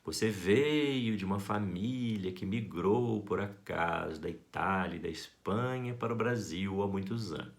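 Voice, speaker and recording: A Brazilian man giving a school art lesson, talking to his students in a playful, affectionate and expressive way. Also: on the low side, measured pace, vocal fry, hardly any pauses. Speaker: art teacher.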